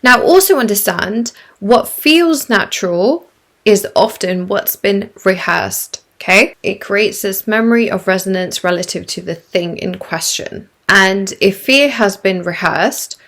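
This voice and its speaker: Woman, gravelly vocal fry, congested sound, mid pitch, reflective self-help explainer. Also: unhurried, a bit bright. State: congested from a sinus illness. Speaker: YouTube creator.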